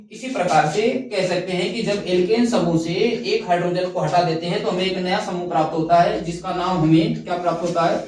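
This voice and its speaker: A man teaching a chemistry lesson, asking questions and answering them himself, repeating each key term. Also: sits high. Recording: very echoey room, mic far off.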